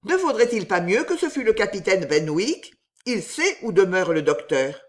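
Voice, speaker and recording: A woman reading aloud voices a young woman who stays calm and gives urgent orders in a crisis. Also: mid-range voice, normal speed, close to an everyday voice. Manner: urgent, commanding.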